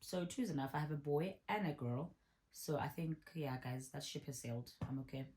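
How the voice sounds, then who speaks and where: Speaking briskly in a low voice, the woman, a vlogger in her 30s, responds to her viewers' questions in an easygoing, chatty way, saying things more than once to drive them home.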